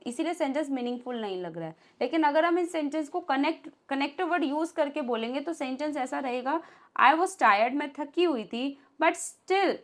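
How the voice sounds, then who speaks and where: High-voiced Indian woman teaching English. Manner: reads English example sentences slowly and deliberately, then translates them. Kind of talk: online English lesson explained in Hindi.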